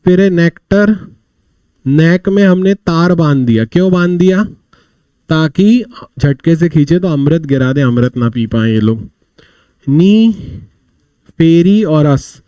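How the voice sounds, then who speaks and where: A man's voice: a little high, expressive, slow pace, pauses often, dark tone, clean tone, no room sound. A man teaching a vocabulary class, telling little stories to explain words and asking and answering his own questions. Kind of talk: live online vocabulary class.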